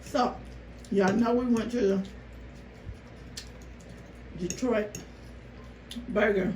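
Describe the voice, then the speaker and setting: A woman vlogger telling a story casually to her viewers, animated and exasperated, with rhetorical questions. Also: medium pitch, extremely slow. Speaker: mukbang vlogger. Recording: roomy, noisy, distant microphone.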